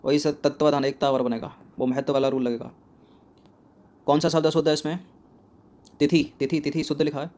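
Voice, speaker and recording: Like a coaching-class teacher, a man with a slightly high voice goes through a spelling quiz, repeating each word and answering his own questions close to the mic. His tone is level and a little mellow, his delivery brisk, with frequent pauses.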